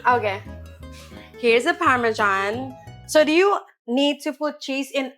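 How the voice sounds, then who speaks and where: A young woman with a fairly high voice chats playfully with a chef in a restaurant kitchen, asking one curious question after another. Faint music plays underneath her voice. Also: animated, unhurried, fairly bright tone. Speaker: vlog host. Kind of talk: casual chat.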